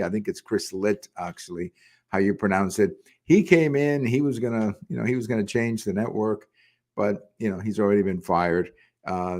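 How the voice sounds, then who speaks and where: An older man hosting a solo political commentary show, talking conversationally with frequent pauses and restarts. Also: fairly low pitch, darkish tone. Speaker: podcast host.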